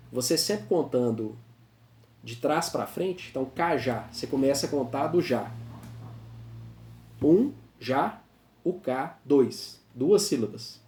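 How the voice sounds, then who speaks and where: A man's voice: a little high, darkish tone. Patient male teacher in an echoey room. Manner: patient, repeats examples slowly. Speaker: Portuguese teacher. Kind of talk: explanatory grammar lesson.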